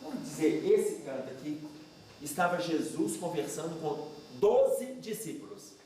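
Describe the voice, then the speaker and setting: A man giving a religious study talk, animated and putting questions to the audience. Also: on the high side, measured pace, slight background noise. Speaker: lecturer. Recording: echoey hall, distant mic.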